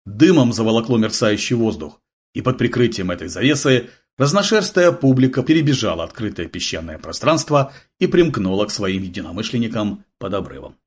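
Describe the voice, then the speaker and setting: Male audiobook narrator, husky tone, very animated delivery for action scenes. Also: fairly low pitch, a little fast. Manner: vivid, dramatic storytelling.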